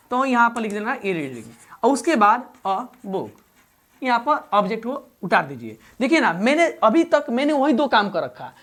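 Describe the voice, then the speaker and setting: A woman teaching English grammar in Hindi. She repeats each example slowly and quizzes the learners as she goes. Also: high voice, a bit bright. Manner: addresses learners fondly as "babu". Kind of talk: Hindi-medium classroom grammar lesson.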